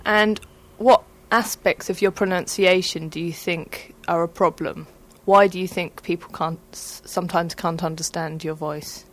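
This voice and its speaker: A woman's voice: lowish voice, fairly even intonation, unhurried, few pauses. A woman presenter, interviewing patiently and rephrasing her questions.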